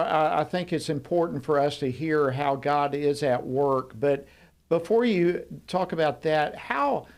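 A man in his sixties with a slightly raised voice, hosting from a studio at a desk microphone. His delivery is polished and courteous, smooth broadcast interviewing. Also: on the high side. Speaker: host. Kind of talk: talk show interviewing. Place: TV studio, indoors.

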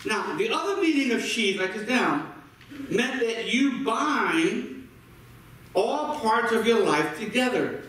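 A man preaching with a high voice that rings through a very echoey sanctuary, picked up from well back in the room. He stacks repeated words as he builds each point and keeps calling on the congregation to respond. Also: very animated, slow, a bit bright, far from the mic. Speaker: pastor. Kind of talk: sermon with call-and-response. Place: church sanctuary.

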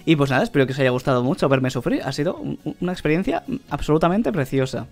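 Young male gamer, lively swooping voice, yelps as he plays, faint music under. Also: on the high side, fast. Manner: excitable, yelps and laughs while playing. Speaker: gaming channel host. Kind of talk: gameplay commentary.

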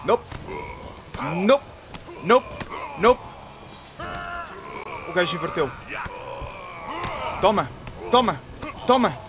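A young man with a European Portuguese accent giving excitable, trash-talking commentary while playing a wrestling game. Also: high-pitched, extremely slow, pauses often, shouting, crowd noise, noisy background. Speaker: gaming YouTuber. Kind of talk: live gameplay commentary.

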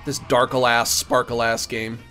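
A man's voice: mid-range voice, flat delivery, slow pace, pushed and bright, soft background music. A man giving casual, playful video game commentary, often silly and repeating himself.

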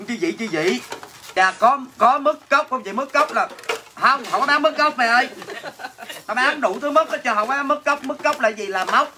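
A man's voice: extremely high pitch, expressive, normal speed, sharp tone. Brash Southern Vietnamese man hawking snacks. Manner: brash, teasing, answers viewer comments mockingly. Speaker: livestream seller. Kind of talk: comic livestream sales banter. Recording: noisy with clattering dishes.

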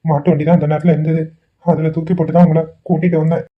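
A man voicing a gentle young village man. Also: a little high, little pitch movement, racing, breathy edge. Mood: reassuring. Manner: gentle, reassuring. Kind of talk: Tamil cartoon voice acting. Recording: tinny phone-like lo-fi audio.

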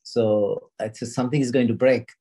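A man in a Dharma chat, talking casually and haltingly on a video call. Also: mid-range voice, steady tone, dark tone, husky.

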